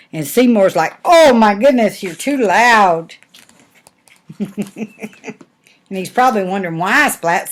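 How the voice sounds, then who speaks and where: Grandmotherly older woman, Southern US accent, slow folksy picture-book read-aloud with chatty asides, medium pitch.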